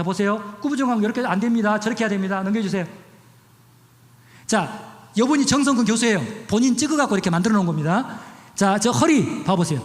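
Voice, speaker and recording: Man, pastor, health talk in church, repeats short commands, long hall reverb. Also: high voice.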